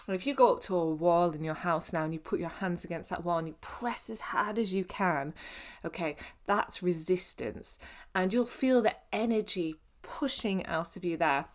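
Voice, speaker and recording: A fitness coach talks to her listeners in a fairly low voice, relaxed and conversational. She's encouraging and informal, often pausing on fillers and restarting sentences. The podcast monologue feels chatty and down-to-earth.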